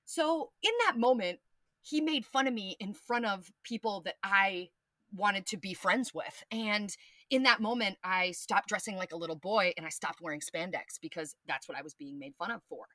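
A woman hosts a casual astrology podcast with a bright, clear tone, recorded dry and close. She talks animatedly, swears freely, and breaks into playful sound effects. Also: medium pitch, moderate pace, dry recording. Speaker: podcast host.

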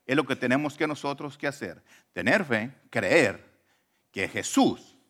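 A man, preaching a sermon in a church, dropping to soft low asides and then rising to emphatic lines. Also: lively intonation, unhurried. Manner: retells scripture with acted quotations. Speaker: pastor.

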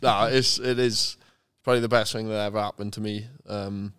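A man's voice: lowish voice, flat delivery, moderate pace, fairly bright tone, clear, resonant tone. A man with a South Welsh accent chatting casually and candidly as a podcast guest, telling stories in an informal, sweary, matter-of-fact way. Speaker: interview guest, retired rugby player.

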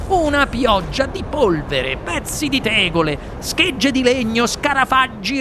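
Expressive storybook narrator, lively pitch. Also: background noise. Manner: expressive, animated. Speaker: audiobook narrator. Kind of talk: children's storybook reading.

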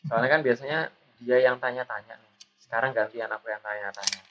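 A man in his twenties with a pinched, shrill voice, chatting casually and jokingly as a podcast host. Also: a little fast. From Surabaya, Indonesia. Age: 20s. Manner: self-deprecating, joking, informal. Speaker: guest host interviewing the podcast's founder. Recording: dull lo-fi audio with clear background noise.

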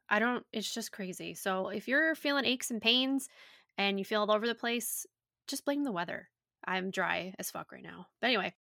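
A woman hosting a casual podcast, chatty and profane, her voice a little raspy. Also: mid-range voice, fairly bright tone, no room sound, clean studio sound. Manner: chatty, loose and profane, with many likes. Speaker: podcast host and yoga teacher. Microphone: home podcast microphone.

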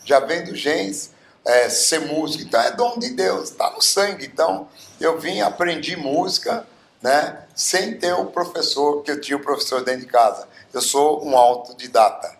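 A man's voice: a little high, normal speed, creaky. Older man in a roomy studio. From Bauru, Brazil. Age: 70s. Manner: rambling, many fillers like "né". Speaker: guest singer. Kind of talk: casual interview storytelling. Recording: roomy echo.

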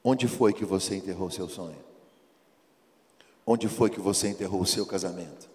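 A man's voice: low voice, normal speed, darkish tone. A man preaching a sermon, acting out dialogue and firing rhetorical questions at the congregation. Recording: long hall reverb.

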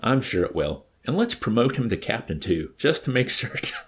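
A man's voice: mid-range voice, very animated, moderate pace, breathy edge, voice pushed up. A man reading aloud and voicing a smug, sly male colonel who speaks casually and self-satisfied.

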